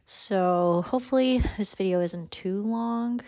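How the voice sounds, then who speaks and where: A woman's voice: medium pitch, measured pace, warm tone. A young woman with a sore throat and slightly grainy voice, chatting casually and a bit hesitantly into a handheld phone in a rambling, informal way. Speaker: vlogger and yarn dyer. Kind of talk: casual chat to camera. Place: indoors in a house under renovation.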